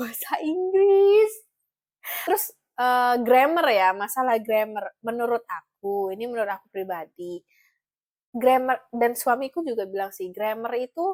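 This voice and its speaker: A woman's voice: a little high, dry recording. A young woman talking casually to her followers, rambling with fillers and self-corrections. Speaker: vlogger giving dating advice. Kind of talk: casual chat to camera.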